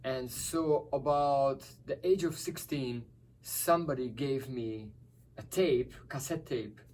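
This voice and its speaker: A man's voice: medium pitch, takes it slowly, darkish tone. A middle-aged man from Hungary, a guest musician telling stories cheerfully and laughing often. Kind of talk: conversational interview. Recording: distant from the mic.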